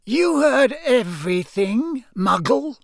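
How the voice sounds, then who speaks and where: Slow, cold Lord Voldemort. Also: male voice, very high voice, big pitch swings, dry recording, studio quality, pitched above the performer's own voice, heavily acted. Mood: cold, imperious. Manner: slow, drawn-out, coolly imperious, sometimes whispering. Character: cold, menacing inhuman dark lord, small and commanding. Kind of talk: dramatic audiobook character reading.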